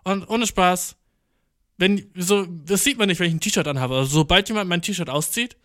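Slangy, profane young German comedian. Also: male voice, high voice, moderate pace, no room sound, studio quality. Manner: slangy, profane, mixing English words into German; jumps from deadpan mutters to excited outbursts. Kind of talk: rambling comedic monologue.

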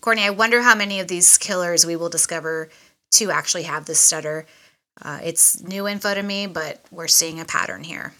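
A woman's voice: fairly low pitch, a little fast, pushed and bright. A woman co-hosting a true-crime podcast, reading from notes in a chatty way with casual asides. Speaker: podcast co-host.

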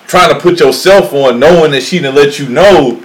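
A man's voice: fairly high pitch, moderate pace, low-quality recording. A man chatting casually with his friends in slangy, bro-ish talk, restarting sentences to press his point. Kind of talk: casual chat among male friends.

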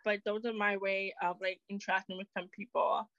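Quick-talking woman, guest on a call, lo-fi dry audio. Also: medium pitch, no echo. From an island. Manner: fast-talking, lively, laughs easily. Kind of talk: casual interview. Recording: dull, dry lo-fi sound.

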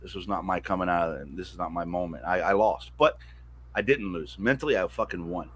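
Candid man, bright voice. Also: deep voice, fairly quick, slight background noise. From American South, mountains. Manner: candid, profane, restarts often. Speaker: guest. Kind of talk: personal storytelling in conversation.

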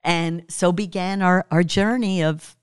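A woman's voice: fairly low pitch, fairly even intonation, measured pace, clear, resonant tone, no room sound, clean studio sound. A woman, telling the story of her life in an interview and laughing often.

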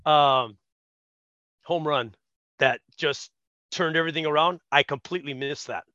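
A man's voice: fairly high pitch, unhurried, no echo, lo-fi sound. A man co-hosting a podcast, telling a story in casual chat and laughing often. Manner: animated, laughs often, acts out quotes. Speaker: podcast co-host.

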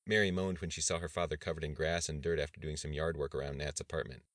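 A man reading a novel aloud as an audiobook narrator, measured and even. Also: rumbling low, no echo, studio quality. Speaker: audiobook reader. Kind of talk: scripted narration.

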